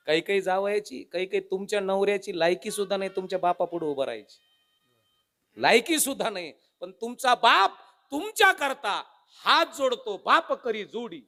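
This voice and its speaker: Emotional preacher. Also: male voice, sits high. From Maharashtra. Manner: dramatic, emotional, swings between loud and hushed; addresses the audience directly. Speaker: kirtan preacher. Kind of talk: humorous devotional sermon.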